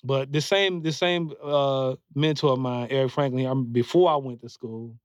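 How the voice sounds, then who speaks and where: Talking on a casual podcast, a forties-aged man gives heartfelt advice while rambling with lots of fillers and false starts. He has a mid-range voice, fairly even intonation, and a normal speed. The recording is dry and slightly muffled, with a dull quality.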